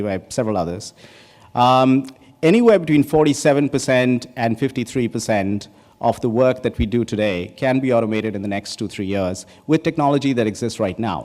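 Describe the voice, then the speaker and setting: On a big conference stage, an Indian man in his forties opens the event through a podium mic, his medium-pitched voice a little mellow. He keeps it casual and conversational, joking with the audience and filling his talk with ums and restarts as the hall reverberates around him.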